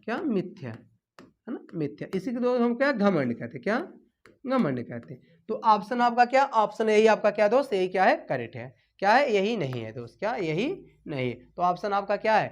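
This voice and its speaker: In an exam-prep Hindi lesson, a woman drills her students by asking "what?" and echoing each answer back, her voice quietly falling away at the end of phrases. She speaks briskly in a mid-range, very animated voice.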